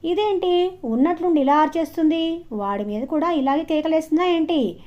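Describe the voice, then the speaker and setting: A man's voice: extremely high pitch, normal speed, a little mellow, voice pushed up. A woman storyteller voicing a bewildered young man who asks one confused question after another, in a dull lo-fi recording. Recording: dull lo-fi audio.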